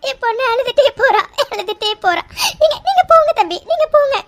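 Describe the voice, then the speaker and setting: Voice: extremely high pitch, sing-song, brisk, exaggerated voice. A performer voicing a grieving middle-aged mother in a cartoon, sobbing and stammering as she begs her daughter. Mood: grieving, begging. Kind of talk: cartoon voice acting.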